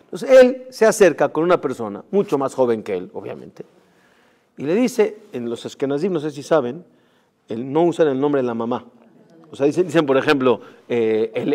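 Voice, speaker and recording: A man, a rabbi, telling a story in a sermon, acting out the characters' lines and swinging between loud outbursts and near-murmurs. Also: fairly high pitch.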